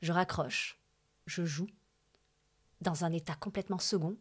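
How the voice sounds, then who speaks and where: Young woman guest from the alps, low-ish voice, rambling and heartfelt storyteller. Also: a little slow, slightly rough. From France, Hautes-Alpes. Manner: chatty and lively, with many fillers and asides to the host. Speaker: guest telling her life story. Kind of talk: casual emotional storytelling.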